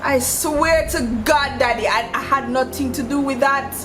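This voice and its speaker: A woman's voice: sits high, moderate pace, lightly acted. A woman playing a defiant teenage daughter at wits end, exasperated and pleading with her father in a Jamaican accent, in a drama. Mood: pleading denial. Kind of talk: dramatic acting in Jamaican Patois. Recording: roomy echo, music laid over dialogue.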